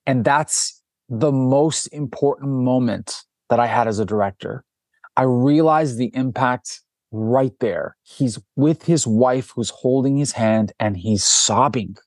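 In a clean, dry studio recording, a man with a medium-pitched voice talks at a slow pace as an interviewed documentary director. He recounts anecdotes with animation, frequently restarting and acting out what people said.

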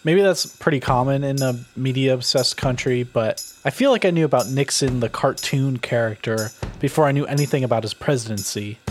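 A man hosting a podcast, asking questions and narrating scripted segments in a conversational, inquisitive manner. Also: medium pitch. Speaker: podcast host.

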